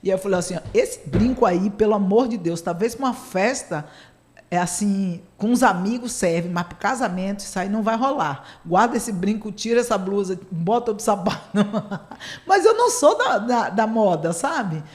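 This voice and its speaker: A woman's voice: medium pitch, lively intonation, moderate pace. A woman, a psychotherapist hosting a casual radio talk, chatty and playfully sarcastic, laughing often.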